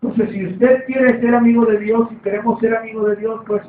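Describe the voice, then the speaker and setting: A man's voice: extremely high pitch, flat delivery, fairly quick. A man preaching a sermon, repeating his points and calling for amens. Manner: repetitive, calls for amen. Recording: echoey, distant, phone-like sound.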